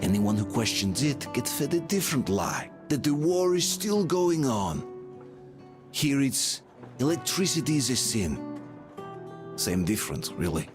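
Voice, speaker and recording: A man's voice: medium pitch, big pitch swings, unhurried. An actor playing a brooding, reflective soldier who narrates his journey in a video game. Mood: somber reflection. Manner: reflective, somber. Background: music.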